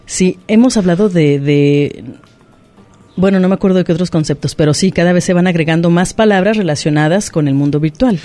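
A man's voice: sits high, fairly quick, warm tone, faint music behind. A man hosting a casual radio chat about language, chatty and full of follow-up questions and "ujú" backchannels. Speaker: radio host.

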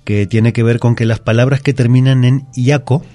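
A man's voice: medium pitch, steady tone, moderate pace, warm tone, no room sound. A man, a grammar teacher patiently explaining spelling rules as a guest in a radio studio. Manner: patient, methodical, repeats examples.

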